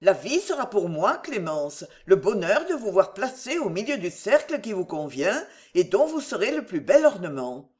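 A woman voicing a proud, jealous British gentleman who speaks haughtily and with exasperation in an audiobook. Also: medium pitch, sing-song, moderate pace, hardly any pauses, close to an everyday voice. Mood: pleading. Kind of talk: audiobook character reading.

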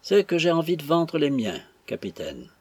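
A man's voice: fairly high pitch, sing-song, normal speed, darkish tone, husky, no room sound, voice pushed up. A man voicing a touchy young male servant who protests in a tearful, whining manner. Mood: wheedling.

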